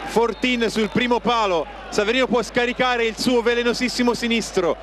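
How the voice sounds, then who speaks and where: A man's voice: extremely high pitch, fairly even intonation, normal speed. A man giving live football play-by-play in clipped phrases, calling out players' names. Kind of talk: live match commentary. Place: outdoor football stadium stand. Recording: noisy outdoor stadium TV broadcast.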